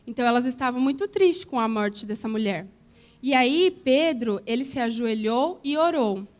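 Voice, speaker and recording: Lady telling the kids a church story, fairly high voice, keeps asking them questions. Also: animated, moderate pace. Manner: coaxing, asks children questions. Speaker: children's story teacher at church.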